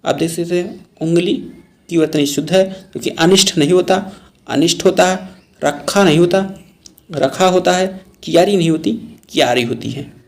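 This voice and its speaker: Gravelly Hindi teacher drilling spelling. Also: male voice, fairly high pitch, normal speed. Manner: explains word by word, repeats terms, calls viewers "friends". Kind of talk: exam-prep spelling lesson.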